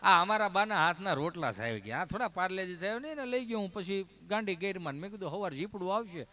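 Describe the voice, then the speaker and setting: Bright high-voiced Kathiawadi storyteller man. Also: quick pace. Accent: Kathiawadi Gujarati. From Amreli district, Gujarat. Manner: lively, voices the people in his tales. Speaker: folk comedian storyteller. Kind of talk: stage comic storytelling.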